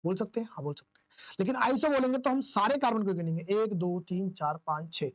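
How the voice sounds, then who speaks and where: Explaining how isomers are named, a chemistry teacher speaks fairly quickly in a high-pitched voice, asking and answering his own questions while counting out loud, all in a recording with no room sound.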